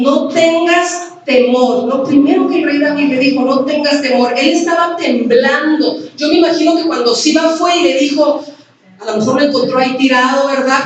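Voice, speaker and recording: Mexican lady pastor preaching, high voice, super echoey hall, bit of hiss. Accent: Mexican Spanish. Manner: conversational, asks the audience questions. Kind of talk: sermon. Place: women's conference hall. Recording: very echoey hall, distant mic, faint noise.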